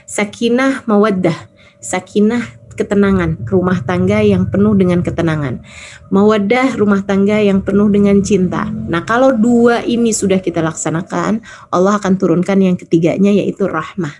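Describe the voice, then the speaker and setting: A woman preacher giving a chatty, story-filled sermon, acting out quotes in lively voices. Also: medium pitch, moderate pace, a little hiss or hum. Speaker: Islamic preacher. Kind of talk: casual sermon.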